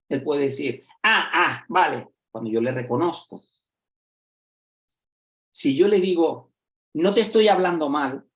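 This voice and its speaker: A social educator from explains things to fellow educators over a video call. He is animated and acts out little scenes in different voices. He keeps checking that the listeners are following him. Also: mid-range voice. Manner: lively, acts out examples, checks in with "¿vale?" and "¿sí?". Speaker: social educator giving a talk.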